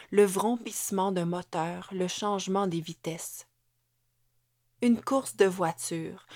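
A woman narrating an audiobook in a measured way, sometimes sinking to a whisper. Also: medium pitch, darkish tone, dry recording, studio quality.

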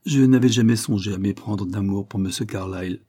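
A man voicing a shy, flustered young noblewoman in a read-aloud novel, pitching his husky voice up for her replies. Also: brisk, warm tone. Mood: shy, earnest.

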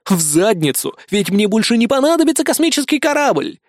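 A man's voice: very high voice, very animated, a little fast, no room sound, studio quality, pitched above the performer's own voice. A man voicing a defiant, foul-mouthed young man. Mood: bitter. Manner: snarling, sarcastic, swearing.

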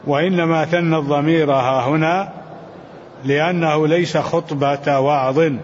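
An older man teaching a scholarly lesson, reading texts aloud and explaining them in a measured way, chanting the quotations in a lilt. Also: on the high side, steady tone, big-room sound. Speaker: sheikh teaching a commentary. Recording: dull, lo-fi recording with faint noise.

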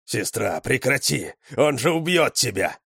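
A man's voice: mid-range voice, big pitch swings, a little slow, a bit bright, husky, no echo, clean studio sound, pitched above the performer's own voice, heavily acted. A man voicing a talking male dog in an audiobook, urgent and pleading. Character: lab dog, male, talking, heroic and lovesick.

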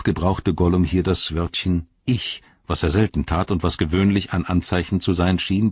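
A man narrating an audiobook in measured storytelling. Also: low voice, darkish tone, husky, no echo, lo-fi sound. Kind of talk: scripted narration.

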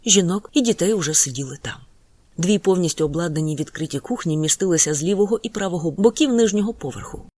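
An audiobook narrator reading a first-person novel in an even, descriptive manner. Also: medium pitch, no echo.

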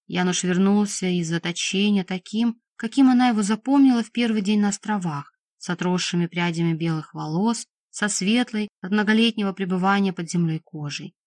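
A woman narrating a fantasy audiobook in a steady, measured storytelling voice. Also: medium pitch, no room sound, studio quality. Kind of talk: scripted narration.

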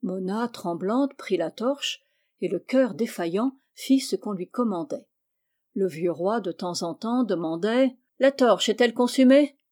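A woman reading a fairy tale aloud as storyteller, in a measured, expressive way. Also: mid-range voice.

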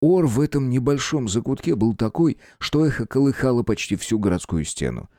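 A man narrating a fantasy audiobook in an expressive, dramatic reading. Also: medium pitch, brisk, no room sound, studio quality.

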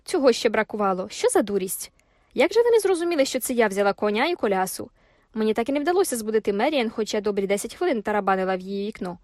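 A woman's voice: medium pitch, very animated, quick pace, darkish tone, dry recording, clean studio sound, close to an everyday voice. A woman reading an audiobook, voicing a proud young woman farm owner with cool, haughty retorts.

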